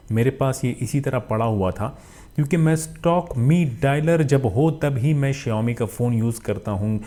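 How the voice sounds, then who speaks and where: A tech reviewer who runs his own channel, speaking with a Pakistani accent, gives a relaxed review of a phone. His mellow, soft-edged voice sits at a typical male pitch, and he fills his talk with filler phrases and English tech terms.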